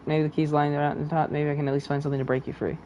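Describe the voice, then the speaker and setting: A man's voice: a little high, little pitch movement, racing, mellow, muffled recording, a little hiss or hum. A man casually commentating on a video game he is playing and reading choices aloud.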